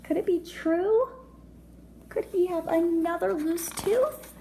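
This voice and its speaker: Reading a storybook to young children, this female teacher speaks slowly in an extremely high voice. She keeps it expressive and child-focused, chatting, asking questions, and commenting as she goes. Faint noise sits under the echo of the room.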